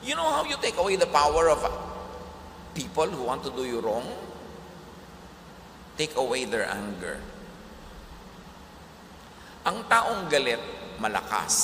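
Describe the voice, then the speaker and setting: A man's voice: fairly high pitch, sing-song, a little slow, long pauses, pushed and bright, a little hiss or hum. A man preaching a motivational message, emphatic and full of rhetorical questions. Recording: echoey hall, long reverb, faint ambience.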